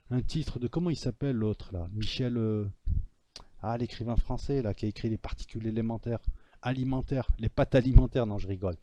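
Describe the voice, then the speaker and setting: A man runs a casual press review and speaks straight to his viewers. His voice is dark and mellow, close and dry. His delivery is slangy and mocking. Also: medium pitch, no room sound. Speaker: political commentary host.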